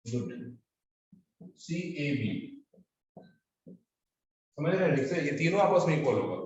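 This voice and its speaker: A man teaches a maths class in a slightly high voice. His words ring out in a very echoey room, picked up from a distance on a muffled recording. He repeats each term and keeps checking that the students follow. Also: very animated, fast talker, a little mellow, a little hiss or hum. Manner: drills students, repeats key terms, asks if they follow. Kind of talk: classroom lecture.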